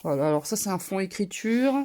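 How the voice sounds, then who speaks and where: A woman with a head cold, talking through her nose and a bit loudly as she chats casually through a craft haul. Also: mid-range voice, animated, fairly quick. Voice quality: nasal. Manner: talks a bit loud, chatty with fillers. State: congested from a cold, nasal. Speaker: scrapbooking vlogger. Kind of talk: casual haul show-and-tell.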